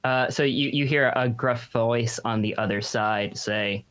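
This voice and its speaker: A man narrating as game master in a casual, halting, informal way. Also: mid-range voice, fairly bright tone.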